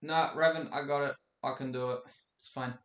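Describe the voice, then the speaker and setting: A man's voice: mid-range voice, steady tone, brisk, fairly bright tone. A man hosting a casual live stream chat, laid-back and steering the discussion. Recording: echoey room with faint noise.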